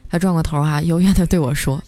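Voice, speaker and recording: A woman's voice: deep voice, steady tone, fast, mellow, soft background music. Playful woman telling a comic story. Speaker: storytelling host. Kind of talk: comic bedtime story narration.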